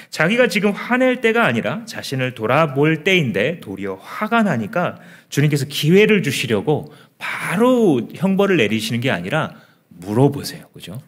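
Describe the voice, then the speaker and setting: A male pastor preaching a sermon in an earnest, conversational way, often asking the congregation questions. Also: medium pitch.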